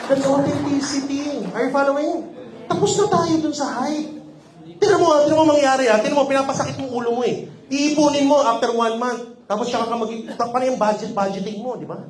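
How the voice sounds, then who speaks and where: A man's voice: very high voice, steady tone, fairly quick. A man with a Filipino accent giving a sales training seminar, teasing and often checking that the audience is following. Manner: teasing, keeps checking in with the crowd. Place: company office training room. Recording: echoey room.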